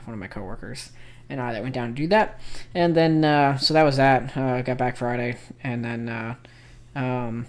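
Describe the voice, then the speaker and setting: A young man chats on a podcast in a loose, rambling way. His voice sits in a middle pitch and is full of ums and uhs. He tells stories at an easy pace. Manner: rambling storyteller with many fillers. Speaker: podcast co-host. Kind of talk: casual chat.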